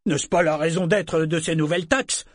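A man voicing an angry merchant shouting questions at a meeting. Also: on the high side, fairly even intonation, moderate pace, dry recording, clean studio sound, voice pushed up, close to an everyday voice. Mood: outraged. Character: angry male merchant in a crowd.

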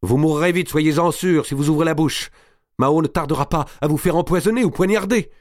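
A man's voice: mid-range voice, animated, quick pace, mellow, dry recording, clean studio sound, voice pushed up, lightly acted. A man doing an urgent, commanding noblewoman. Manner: insistent, urgent, persuading. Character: noblewoman, older, firm and commanding protector.

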